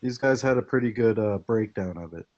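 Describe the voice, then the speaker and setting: A man's voice: lowish voice, brisk, darkish tone. Easygoing man on dull lo-fi audio. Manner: easygoing, hesitant with fillers. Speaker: podcast co-host. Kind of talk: casual conversation.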